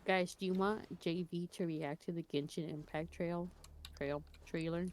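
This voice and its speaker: A woman's voice: on the low side, steady tone, normal speed, a little mellow. A woman streaming a game, chatty, playful and rambling in casual chat. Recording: game music playing behind.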